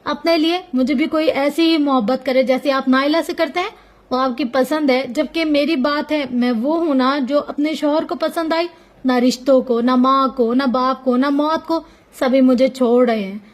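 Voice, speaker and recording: A bitter young wife speaks with tired sarcasm, voiced by a woman narrator. Her tone is high and resigned. It sounds like an audiobook. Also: moderate pace, lightly acted.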